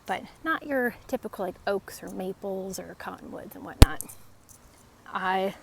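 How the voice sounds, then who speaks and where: A woman talking casually as she walks outside, explaining things in short, halting, conversational phrases. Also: medium pitch, vocal fry. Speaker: host of an outdoor tree identification vlog. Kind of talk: casual talk to camera while out walking. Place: outdoors along a residential street on a walk. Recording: faint outdoor background noise.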